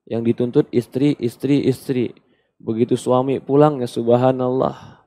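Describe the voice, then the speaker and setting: A man preacher giving a question-and-answer sermon, animated and emphatic, dropping to soft quoted asides. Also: medium pitch, normal speed. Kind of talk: sermon, Q&A lecture.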